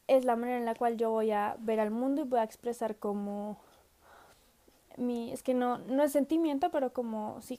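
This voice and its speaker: Her warm, fairly high voice belongs to an unwell teenage girl of seventeen. In a relaxed video message she works through study questions, frequently pausing, letting sentences fade and breaking into laughter.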